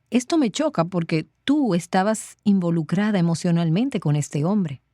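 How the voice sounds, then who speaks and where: Woman host, mellow tone, measured questions, dry studio sound. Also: medium pitch, no echo. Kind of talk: interview questions.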